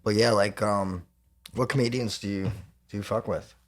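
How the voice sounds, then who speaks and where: A man's voice: on the low side, fairly even intonation, normal speed. A man hosting a podcast, talking in a laid-back casual way with lots of "you know" fillers. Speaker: podcast host. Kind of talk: casual chat.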